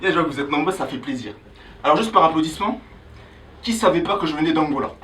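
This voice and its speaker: A young man from Angola doing a stand-up comedy set on a club stage, loudly hyping the crowd between jokes. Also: on the high side, fast, distant mic, slight background noise, low-quality recording. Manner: animated, hyping the crowd with loud calls. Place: comedy club stage before a live audience.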